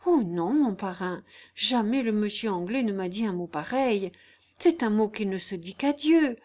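A woman brings a simple peasant girl to life for an audiobook, her lines earnest, plaintive and rustic as the girl pleads. She uses a natural, expressive mid-range voice with a darkish tone at normal speed.

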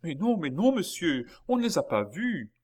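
A frantic young serving woman in a storybook, her voice pitched high and loud with alarm, as a man reading aloud puts her on. She cries out rather than speaks. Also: very animated, normal speed, breathy edge. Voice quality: high, cried out. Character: frantic young female servant, shrill.

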